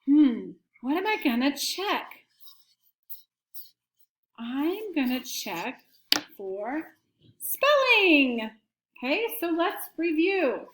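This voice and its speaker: A woman teacher giving an early-grade writing lesson and slow dictation to students at home, prompting them patiently. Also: sits high, sing-song, echoey room, a little hiss or hum.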